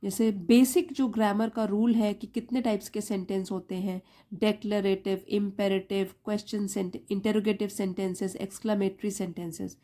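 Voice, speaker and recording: A woman with an Indian English accent gives a patient grammar lesson, mixing Hindi and English. Her voice is warm and mellow, at an ordinary middle pitch. She explains step by step and repeats each key term. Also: flat delivery, normal speed. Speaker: English teacher.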